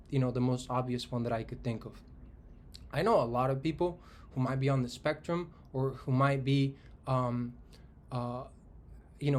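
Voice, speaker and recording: A Spanish tech commentator in his twenties works through an idea in a casual solo monologue, using a mid-range voice. He thinks aloud, restarts sentences, and keeps tacking on "right?"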